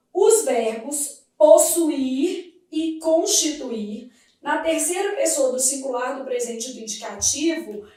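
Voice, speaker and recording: A woman teaching a grammar lesson, explaining each point step by step and asking the class quick questions. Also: high voice, dark tone. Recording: echoey room, far from the mic.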